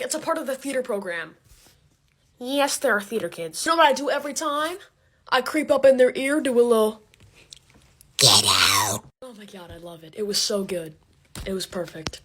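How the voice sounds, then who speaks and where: A young American woman telling personal stories as a casual comedic rant, exaggerated and animated, acting out what people said. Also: fairly high pitch, a little fast, breathy edge. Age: teens to young adult. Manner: animated, exaggerated, acts out quotes. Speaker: social media creator telling personal rants.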